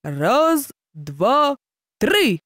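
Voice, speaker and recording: A woman's voice: sits high, animated, unhurried, no room sound, studio quality, pitched above the performer's own voice. A woman voicing a mocking, arrogant male hare in a storybook reading. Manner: mocking, scornful.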